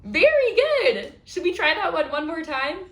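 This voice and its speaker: Very high-pitched, a bit bright and a little slow, this woman's sing-song voice fills an echoey room as she hosts storytime. A children's librarian, she reads to young kids and speaks in an exaggerated manner.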